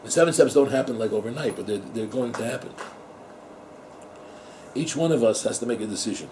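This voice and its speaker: A man's voice: mid-range voice, lively intonation, fairly quick, darkish tone, a little hiss or hum, rough recording. A middle-aged man, a rabbi giving an informal Torah talk to yeshiva students, repeating words and asking his listeners rhetorical questions. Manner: mixes Hebrew and Yiddish terms into English.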